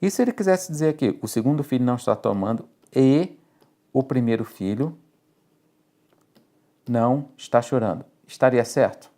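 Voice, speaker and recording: Dark-voiced Brazilian logic teacher. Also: male voice, mid-range voice, lively intonation, normal speed, long pauses. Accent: Brazilian Portuguese. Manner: explains step by step, often checks in with "ok?" and "tá?". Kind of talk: exam-prep lecture.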